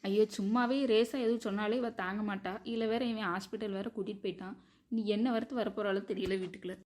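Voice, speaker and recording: A woman playing a sharp-tongued mother who scolds her bickering children in a comic skit. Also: mid-range voice, fairly even intonation, fast talker, lightly acted. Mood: scolding. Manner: scolding, threatening. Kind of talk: comic family skit acting.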